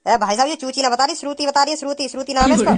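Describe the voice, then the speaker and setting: Woman doing a hurried young boyfriend. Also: sits high, lightly acted. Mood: pleading. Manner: quick, pleading, explains. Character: young man defending his lisping girlfriend. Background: background music.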